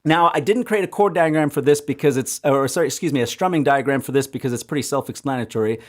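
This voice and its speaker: A man giving an acoustic guitar lesson, explaining strumming patterns and counting sixteenth notes out loud in a relaxed, explanatory way. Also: mid-range voice, quick pace. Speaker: guitar teacher. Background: acoustic guitar playing.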